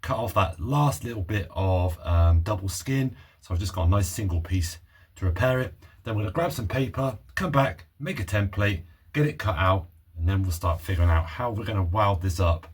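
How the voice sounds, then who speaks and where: A man's voice: lowish voice, expressive, moderate pace, slightly rough. A man talking casually through a car repair in his garage, chatty and a little unsure of himself as he thinks aloud. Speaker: car restoration vlogger. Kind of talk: casual workshop vlog commentary. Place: home garage, under a car.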